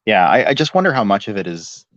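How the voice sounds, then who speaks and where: A man with a very low voice chats casually and hesitantly, leaning on fillers. The sound is dry and a little dull, like a lo-fi mic. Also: sing-song, quick pace, a bit bright, no echo. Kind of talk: casual chat.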